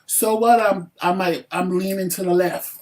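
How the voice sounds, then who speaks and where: A man co-hosting a casual talk show, telling stories with animated, profane acted-out quotes. He sits a little back from the microphone, so his voice sounds slightly distant. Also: high voice, moderate pace, a crowd in the background. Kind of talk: casual chat.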